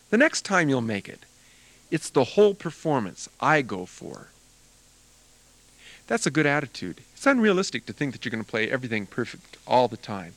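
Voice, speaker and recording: A man's voice: mid-range voice, dry recording, low-quality recording. An older man, a music teacher, giving an earnest, encouraging talk to students about performing. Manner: earnest, encouraging, animated delivery.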